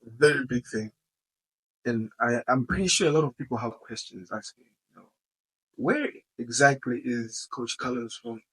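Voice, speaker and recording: A man's voice: mid-range voice, normal speed, fairly bright tone, breathy edge, poor audio. A man hosting a podcast, asking questions in a playful, teasing way with slangy interjections. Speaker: podcast host.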